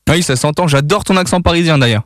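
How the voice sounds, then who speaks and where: A man's voice: a little high, quick pace, fairly bright tone, dry recording, clean studio sound. A man doing casual radio prank-call banter, cheeky, unfazed and colloquial.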